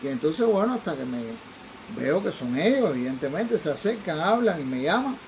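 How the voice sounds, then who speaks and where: A man's voice: high voice, big pitch swings, moderate pace, slight background noise, low-quality recording. An older man with a Cuban accent, a forensic toxicologist telling his own stories with animation and acting out the people he quotes. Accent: Cuban Spanish. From Cuba. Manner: acts out the voices of people he quotes. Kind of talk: animated personal storytelling.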